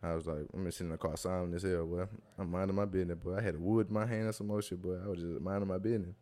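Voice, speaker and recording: A man's voice: sits low, little pitch movement, racing, dark tone. A young man, a guest on a casual talk show, telling stories in loose, slangy talk and laughing through them. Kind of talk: casual storytelling chat.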